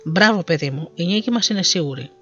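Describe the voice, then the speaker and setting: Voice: medium pitch, lively intonation, pushed and bright, soft background music. A narrator voicing a proud scheming king. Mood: gloating. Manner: proud, bargaining. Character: scheming rival king, prince's father. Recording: dull lo-fi recording.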